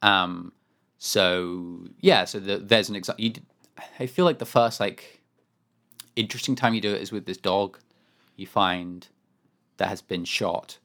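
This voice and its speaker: A man's voice: low voice, unhurried, long pauses, a bit bright. A man co-hosting a podcast from home, chatting casually about a game in a rambling, wry way, often correcting himself. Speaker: podcast co-host. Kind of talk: casual chat.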